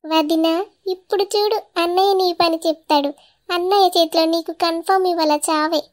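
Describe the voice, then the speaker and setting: A woman voicing a tattletale young cartoon sister-in-law who taunts slyly. Her voice is extremely high. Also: fairly even intonation, fairly quick. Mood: taunting. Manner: sly, taunting.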